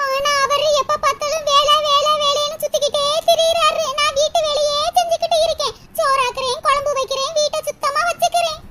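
Woman doing a squeaky whiny cartoon wife. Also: level tone, a little fast, hardly any pauses, bright, forceful tone, recorded from a distance. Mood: complaining. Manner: whiny complaining. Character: young wife grumbling about her mother-in-law. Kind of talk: cartoon voice acting.

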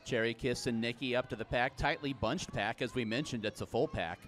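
A man calls the action as a play-by-play commentator, voice sitting at an ordinary middle pitch. His calls are brisk and matter-of-fact, then spring upward in pitch and volume when a big play happens. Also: a bit bright. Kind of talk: live sports commentary.

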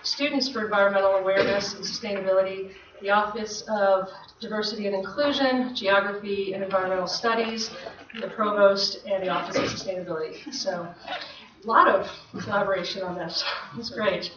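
A woman's voice: medium pitch, steady tone, a little fast. A woman hosting an event reads out a formal speaker introduction. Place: large, full seminar room. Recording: echoey, noisy, distant, slightly muffled room recording.

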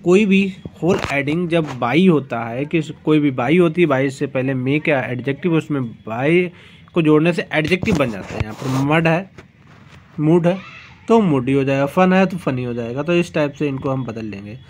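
A male teacher giving an exam-prep grammar lesson, explaining slowly and repeating himself, spelling out letter by letter. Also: on the high side, animated. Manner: slow, repetitive explaining, spelling words out letter by letter.

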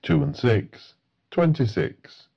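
A man's voice: medium pitch, expressive, slow, gravelly, dull audio. A man working as a bingo caller, announcing numbers in set phrases with a matter-of-fact delivery.

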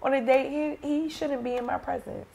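A woman's voice: high-pitched, fairly even intonation, normal speed, creaky, dark tone. A woman in her twenties chatting casually as a podcast guest, blunt and slangy. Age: 20s. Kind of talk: casual chat. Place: small studio set on a couch, indoors.

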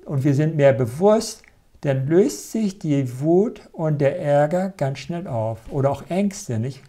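A man giving a live spiritual talk as a meditation teacher, calm and gently reassuring, often checking in with a questioning tag. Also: on the high side, slow.

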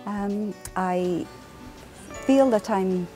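A woman in her sixties with an English accent, a fibre artist speaking reflectively in a documentary interview, pausing often with ums. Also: medium pitch. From England. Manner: reflective, soft-spoken, many ums and uhs. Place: home craft room. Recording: soft music underneath.

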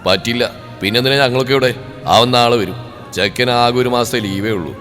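A man's voice: a bit bright, close to an everyday voice. A man voicing a stern older uncle and family elder who speaks firmly and with command. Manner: firm, commanding, low and measured. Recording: reverberant room with background music.

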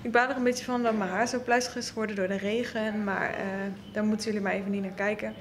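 A woman in her twenties speaking with an English-sounding Dutch accent in a casual, halting vlog style, often interrupting herself. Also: medium pitch, steady tone, a crowd in the background. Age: 20s. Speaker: vlogger. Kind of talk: casual vlog talk to camera. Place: indoor showroom.

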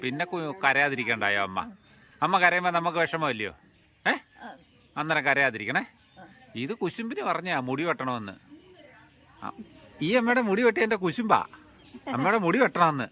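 A man's voice: a little high, big pitch swings, moderate pace, long pauses, pushed and bright. A man from who runs an old age home, chatting in a coaxing, teasing and reassuring way with the elderly women there. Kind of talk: casual chat with elderly residents.

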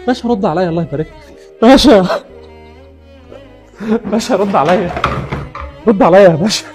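A man's voice: high-pitched, animated, music in the background. An actor playing a cheeky neighborhood barber who teases his customers nonstop, with an Egyptian Arabic accent, in a comedy sketch. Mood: teasing. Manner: teasing, bantering, rapid-fire jokes at customers. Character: cheeky joking neighborhood barber, adult man.

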